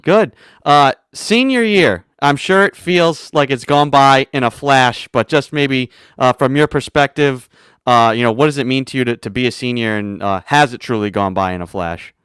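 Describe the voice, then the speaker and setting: A man's voice: medium pitch, moderate pace, fairly bright tone, clear, resonant tone, no room sound. A man hosting a college radio talk show, chatting casually, telling stories and laughing often. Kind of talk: casual chat and interviewing.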